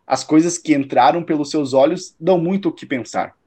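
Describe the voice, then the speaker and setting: A man playing a shrewd, self-assured detective in a radio drama, analytical, probing and slightly condescending in a measured delivery. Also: fairly high pitch, warm tone, slightly rough. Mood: knowing, assured.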